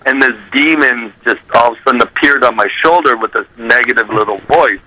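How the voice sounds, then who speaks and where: A man's voice: medium pitch, a little fast, slight background noise, low-quality recording. A man and recording artist telling a story in a casual interview, acting out what people said, scatting melodies and swearing freely. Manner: animated, acts out quotes and scats melodies.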